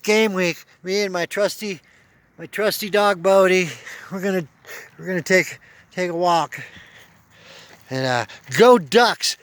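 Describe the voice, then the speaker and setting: A man's voice: high-pitched, measured pace, long pauses, a bit bright, no room sound. A man talking casually to camera outdoors as a sports fan, exasperated and emphatic, repeating himself as he rants. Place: outdoors at sunset, walking his dog.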